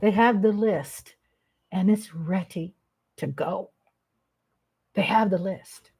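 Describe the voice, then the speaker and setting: A woman's voice: mid-range voice, slow pace, darkish tone, slightly rough. Blunt, emphatic woman vlogger. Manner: blunt and emphatic, with casual swearing. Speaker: live-stream vlog host. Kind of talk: unscripted live commentary.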